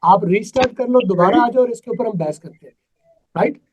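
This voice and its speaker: High-voiced man teaching English. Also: fairly quick, rough recording. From Pakistan. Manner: emphatic, quizzes students with repeated "right?". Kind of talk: live online class. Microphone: video call.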